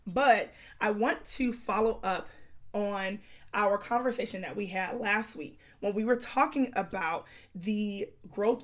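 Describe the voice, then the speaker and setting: A woman hosting a faith-based podcast in a folksy, chatty, girlfriend-to-girlfriend way, her voice strained as she recovers from illness. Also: medium pitch. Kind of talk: casual conversational faith-based podcast talk.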